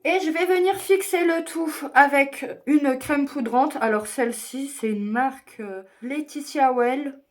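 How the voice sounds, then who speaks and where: Her voice is high and her pace a little slow. This young beauty vlogger chats through a makeup tutorial, describing each step with self-mocking humor.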